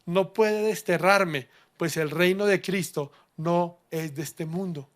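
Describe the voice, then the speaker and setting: Pastor doing a serene unshaken prisoner of faith, talks slow and soft. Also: male voice, sits high.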